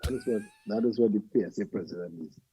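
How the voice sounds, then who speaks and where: A man's voice: on the low side, lively intonation, quick pace, mellow, breathy edge, dry recording, rough recording. A man with a Trinidadian accent, a guest on a call-in talk show, speaking emphatically and often tagging "right?".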